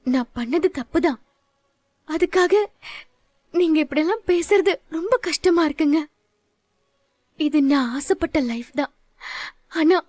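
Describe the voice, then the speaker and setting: A woman's voice: high voice, darkish tone, dry recording. A woman voicing a hurt pleading wife. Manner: pleading, tearful. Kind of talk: Tamil serial dub acting.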